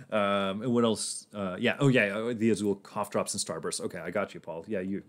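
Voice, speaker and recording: A man's voice: on the low side, steady tone, moderate pace. A man casually talking through his moves in a board game on a livestream, rambling and laughing often.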